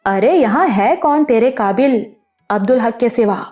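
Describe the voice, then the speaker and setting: A woman's voice: a little high, a little mellow, soft background music, natural voice. A woman voicing an older motherly village woman who scolds with affection, in an audiobook. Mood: scolding. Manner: scolding yet affectionate, rustic speech. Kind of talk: audiobook character voice.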